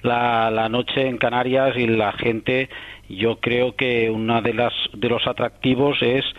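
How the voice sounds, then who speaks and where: A man's voice: medium pitch, level tone, slow. Man on muffled radio. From Catalonia. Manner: thoughtful, rambling, many restarts and tag questions. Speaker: astronomer guest. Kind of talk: radio interview answers.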